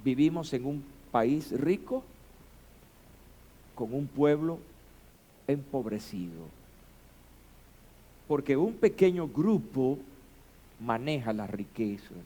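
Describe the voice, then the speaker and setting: A man preaching a sermon as pastor, building to shouted emphasis and rhetorical questions. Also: mid-range voice.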